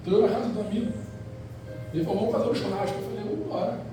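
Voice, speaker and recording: A man with a Rio de Janeiro accent preaches an animated Pentecostal sermon, acting out quotes and firing rhetorical questions. His voice sits high, and it booms through a very echoey church hall from a distance. Music plays behind him. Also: very fast. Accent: Rio de Janeiro Portuguese. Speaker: evangelist preacher.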